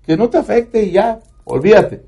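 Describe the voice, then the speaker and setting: A man's voice: lively intonation, normal speed, vocal fry, dark tone, husky, heavily acted. Man doing his fierce Mexican mother. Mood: reassuring. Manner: high voice, blunt and scolding. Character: fierce protective mother, foul-mouthed.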